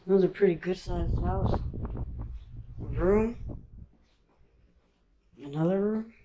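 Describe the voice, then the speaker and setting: A man's voice: high-pitched, slow, muffled recording, background noise. A man casually narrating as he walks through empty abandoned houses, making offhand comments while filming on a handheld camera. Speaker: urban explorer vlogger.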